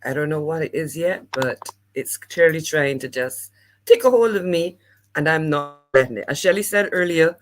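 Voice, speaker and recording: A woman hosts a podcast with a croaky, slightly worn voice. She talks in an earnest, encouraging coaching manner, steady and sincere in a casual chat. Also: deep voice, normal speed. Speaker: podcast co-host and life coach.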